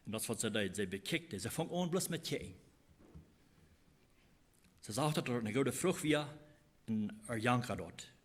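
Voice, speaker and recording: Male preacher, mid-pitched, halting sermon delivery with repeated phrases. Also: animated. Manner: halting, repeats phrases while explaining scripture.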